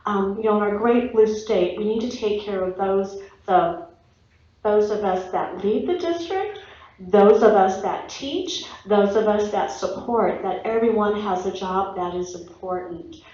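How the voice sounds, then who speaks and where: A woman giving public comment at a school board meeting, earnest and halting, with fillers and restarts. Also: medium pitch, mellow. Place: echoey public meeting room. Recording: echoey, dull meeting-room audio.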